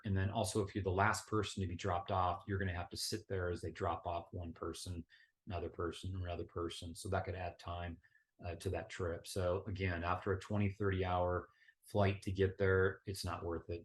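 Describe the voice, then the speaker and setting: A middle-aged man with a relaxed, conversational manner, giving casual travel advice full of fillers and restarts. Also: sits low, fairly quick. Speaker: travel vlogger.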